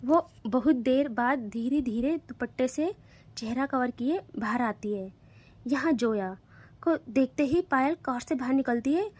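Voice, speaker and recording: Chatty high-voiced woman storyteller. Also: a little slow, a little mellow. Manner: chatty, addresses listeners directly. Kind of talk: casual story narration.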